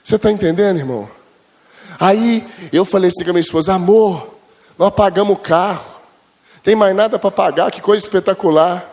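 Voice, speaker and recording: A man from preaching in a high voice. He tells chatty stories to his congregation, calls them brothers, and acts out conversations with God, climbing higher and louder. It sounds like a sermon given live in church. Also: brisk. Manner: acts out quoted dialogue with God, rising high and loud. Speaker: pastor.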